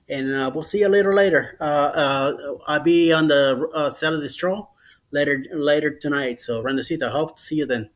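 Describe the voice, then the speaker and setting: A slightly high-voiced man hosts a late-night livestream over a video call. He sounds worn out and rambles through schedules with plenty of fillers and restarts. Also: fairly bright tone. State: tired after hours of streaming. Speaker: livestream host.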